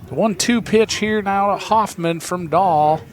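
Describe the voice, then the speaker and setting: A man with an American Midwest accent calling a local baseball game play-by-play, chatty and reading viewer texts between pitches. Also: measured pace. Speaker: play-by-play announcer.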